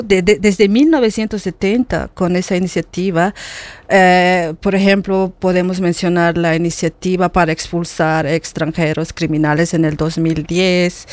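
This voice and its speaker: A woman's voice: fairly low pitch, darkish tone, no echo. A middle-aged woman talking earnestly in a casual conversation, often repeating words as she searches for them. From Bolivia. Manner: earnest, with frequent hesitant repetitions.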